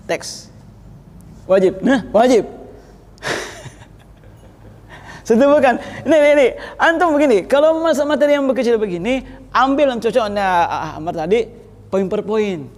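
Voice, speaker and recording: In an echoey hall with long reverb, a man with a very high voice teaches sermon practice, giving blunt feedback on public speaking and laughing now and then. He's animated, speaks at a moderate pace, and leaves long pauses.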